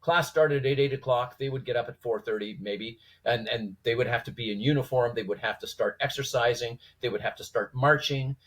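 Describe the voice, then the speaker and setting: Slightly husky man telling stories. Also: medium pitch, fairly quick, hardly any pauses. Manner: informal, acts out quoted dialogue with rhetorical questions. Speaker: podcast guest, former police trainer. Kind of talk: animated conversational storytelling.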